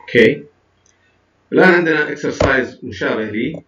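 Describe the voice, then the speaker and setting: A man's voice: medium pitch, fairly bright tone, distant mic, a little hiss or hum. Man teaching English, heard from off-mic. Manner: explains in a mix of Arabic and English with counted pauses. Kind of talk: recorded classroom lesson. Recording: dull, roomy sound from off-mic.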